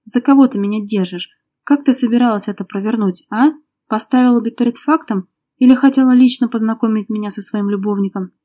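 A jealous, hot-tempered young man barks short menacing lines, as a woman reader puts him on. The voice is warm and mellow, clipped and hard. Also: a little high, a little fast, lightly acted. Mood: furious. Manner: curt, snapping, menacing.

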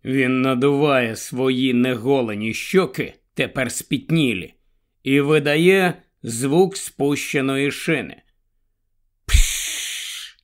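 A man narrating a story aloud in a measured, unhurried way. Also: mid-range voice. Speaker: audiobook narrator. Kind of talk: scripted narration.

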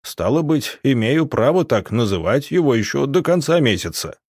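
A man's voice: medium pitch, big pitch swings, normal speed, a little mellow, slightly rough, dry recording, clean studio sound, pitched above the performer's own voice. Teasing, stubborn young guy, cheeky and jokey; male narrator voices him. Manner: mocking, cheeky.

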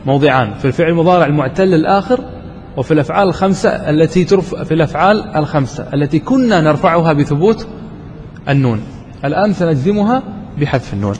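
A man teaching a grammar lesson to students, asking them questions and repeating examples slowly and deliberately. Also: fairly high pitch, animated, darkish tone. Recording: roomy hall, faint background noise.

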